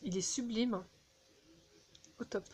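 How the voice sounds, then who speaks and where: Woman, slow halting speech, restarts, casual vlog chat, phone mic, faint background noise. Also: a little high, darkish tone. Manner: chatty, halting, frequent restarts and fillers. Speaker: beauty vlogger. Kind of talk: casual haul video.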